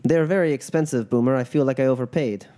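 A man playing a proud, bitter captive crime boss in a tabletop game, speaking in measured, formal, disdainful phrases. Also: medium pitch, warm tone, natural voice. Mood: wary, resigned.

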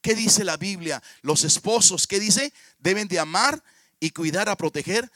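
A man's voice: high-pitched, lively intonation, a little slow, pushed and bright, no room sound, studio quality. A man in his fifties with a Mexican Spanish accent, preaching a sermon, telling stories and often calling out to the congregation. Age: 50s. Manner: storytelling, often calls out to the congregation.

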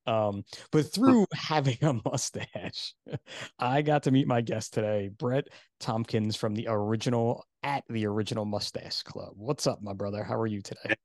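A man's voice: on the low side, moderate pace, darkish tone, no room sound, studio quality. A man hosting a podcast, chatting casually and rambling with self-deprecating asides and frequent laughs. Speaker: podcast host. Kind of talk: casual interview chat.

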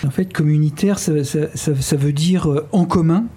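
Hesitant man with a mellow voice. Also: fairly high pitch, normal speed, slightly rough. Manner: hesitant, many fillers and restarts. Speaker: radio show host. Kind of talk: casual radio chat.

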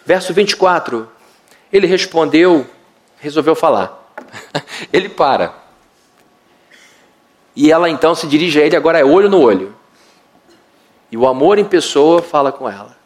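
Brazilian pastor preaching, dramatic delivery. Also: male voice, on the high side, animated, moderate pace, long pauses. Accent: Brazilian Portuguese. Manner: dramatic storytelling, acts out quotes. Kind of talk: sermon.

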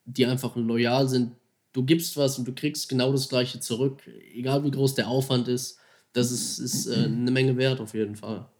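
A man casually and excitedly retelling how he caught a huge fish, slangy and animated, acting out his own thoughts and phone calls. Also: mid-range voice, moderate pace. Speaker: angler telling a fishing story. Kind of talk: casual storytelling.

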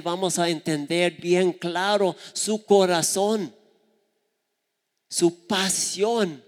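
A man's voice: fairly high pitch, big-room sound. A man preaching a sermon, telling stories earnestly and acting out the voices of the people he quotes. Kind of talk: sermon with storytelling.

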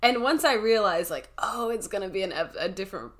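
A woman chatting casually as a podcast co-host, animated, laughing often and acting out quotes. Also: medium pitch, a little fast. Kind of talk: casual chat.

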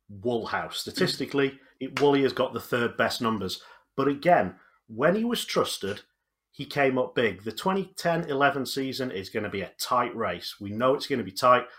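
A man's voice: mid-range voice, fairly bright tone. A man co-hosting a sports podcast who argues his picks with statistics and firm emphasis. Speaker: podcast co-host. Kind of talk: casual sports chat.

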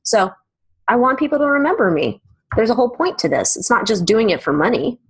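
A woman's voice: fairly high pitch, sing-song, fairly quick, husky. A middle-aged woman co-hosting a podcast, chatting casually in a blunt, profane, joking way. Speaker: podcast co-host.

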